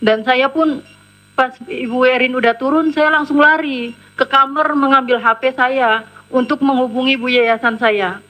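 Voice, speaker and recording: A woman's voice: high voice, steady tone, unhurried, fairly bright tone, poor audio. A woman giving personal testimony, retelling events step by step and closing her quotes with the same tag. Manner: plain step-by-step storytelling, often tags quotes with "kata dia gitu". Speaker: interview guest recounting her case. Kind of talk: personal testimony retold in detail.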